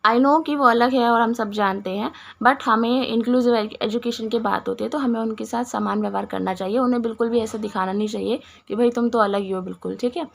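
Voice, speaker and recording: A woman with a hoarse voice and a cough, explaining answers to exam questions with restarts and many English words. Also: on the high side, fairly even intonation, a little fast, hardly any pauses. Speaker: teacher going through exam questions. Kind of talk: Hindi exam-prep lesson.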